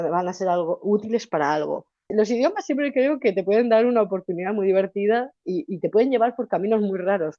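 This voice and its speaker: Chatty and animated, a young adult Spanish woman with a Valencian accent keeps restarting her sentences as a guest in a casual interview. Her voice is mid-range, and the recording is dry with dull audio.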